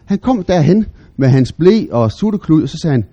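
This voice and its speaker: A middle-aged man, preaching a sermon as animated storytelling with big, loud bursts when he quotes himself. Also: on the high side, breathy edge, lo-fi sound.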